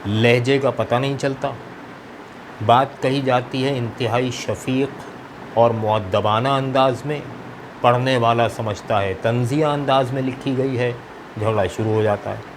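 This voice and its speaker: A man teaching a lesson, taking his time over each phrase and dropping English terms into his explanation. He speaks at an unhurried pace. Air conditioning and traffic hum steadily behind him. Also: mid-range voice, steady tone. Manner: slow, deliberate teaching with mixed Hindi-Urdu and English.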